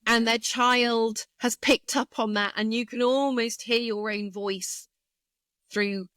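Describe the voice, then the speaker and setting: A woman speech therapist, a guest in an interview, explaining carefully and thoughtfully with frequent pauses and fillers. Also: a little high, steady tone, a bit bright, smooth, dry recording. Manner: thoughtful, hesitant with many fillers.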